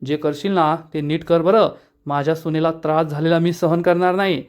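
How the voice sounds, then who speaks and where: A man's voice: on the high side, fairly even intonation, normal speed, lightly acted. A man reading the lines of a stern, protective older father-in-law.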